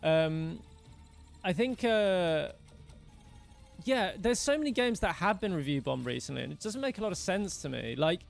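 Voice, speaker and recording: A man's voice: high-pitched, lively intonation, moderate pace, vocal fry, faint music behind. A young man streaming a game live, chatting loosely with viewers and thanking followers as he plays. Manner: rambling, talks to chat, thanks followers by name. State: losing his voice. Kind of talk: casual live-stream commentary while playing.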